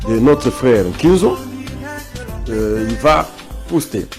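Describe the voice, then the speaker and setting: Speaking slowly yet animatedly, a man with a medium-pitched, creaky and slightly mellow voice argues his opinions as a guest in a political interview, faint music behind him. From South Kivu and with a Congolese French accent, he's emphatic and repeats phrases to press his points.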